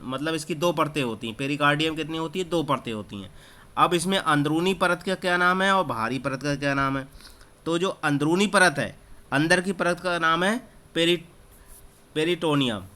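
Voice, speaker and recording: A man's voice: a little high, bright, forceful tone. A man teaching an exam-prep lesson, who asks a question, then answers it himself and repeats each key term. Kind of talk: exam-prep lesson over screen recording. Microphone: screen-recording app mic.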